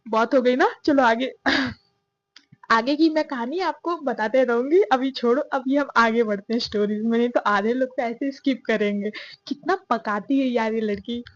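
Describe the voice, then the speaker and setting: A young woman telling a story in a chatty, confiding way, often poking fun at herself. Her voice is a little high. The recording is dull and dry, with no room echo. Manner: chatty, self-mocking, confiding.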